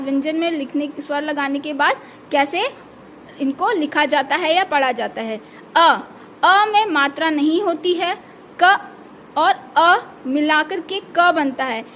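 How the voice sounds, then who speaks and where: A woman's voice: high voice, fairly bright tone, slight background noise. A woman teacher explaining a grammar lesson step by step, often checking in with her class. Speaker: school teacher.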